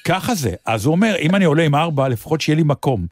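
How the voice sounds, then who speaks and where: A man co-hosting a podcast in casual chat, animated and given to lively quoted outbursts. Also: fairly high pitch. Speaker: podcast co-host.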